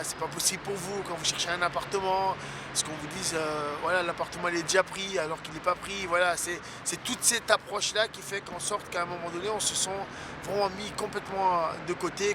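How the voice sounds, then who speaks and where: A man from West Africa speaking earnestly in a documentary interview, his voice a bit higher than usual for a man. He pauses often on fillers. Clear traffic noise hums behind him. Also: steady tone. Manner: earnest, hesitant with many fillers.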